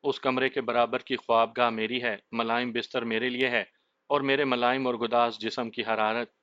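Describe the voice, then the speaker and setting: A yearning young wife from a storybook, tender and coaxing, voiced by a man in his own voice. Her lines carry a bright, forward tone. The recording is dry and a little dull. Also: medium pitch, level tone, normal speed, smooth, no echo, natural voice. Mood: longing. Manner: soft, pleading tone.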